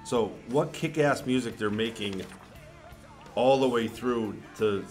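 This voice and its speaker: A man co-hosting a casual podcast chat, speaking in a measured, slightly halting way. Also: medium pitch, a little mellow, soft background music. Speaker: podcast co-host.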